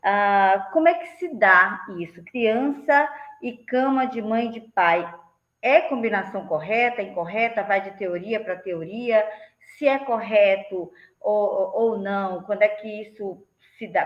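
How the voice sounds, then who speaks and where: A Brazilian woman hosting a live interview talks at a middle pitch, rambling through her questions and asking them again in new words. She sounds roomy and echoey, and the audio is dull and lo-fi. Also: moderate pace. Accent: Brazilian Portuguese. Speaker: host.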